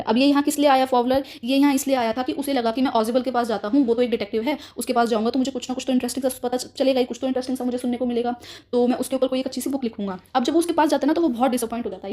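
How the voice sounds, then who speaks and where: Slow-talking woman teacher, dark tone. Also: fairly high pitch. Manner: explains slowly, addresses students as beta. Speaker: English teacher. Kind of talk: Hindi-English literature lesson.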